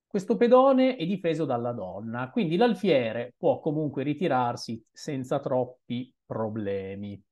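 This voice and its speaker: Young male streamer, slow and deliberate, talks through moves with musing, hesitant asides, webcam at a desk in a small room. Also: medium pitch, very animated, darkish tone, muffled recording. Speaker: chess streamer. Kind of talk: thinking-aloud game commentary.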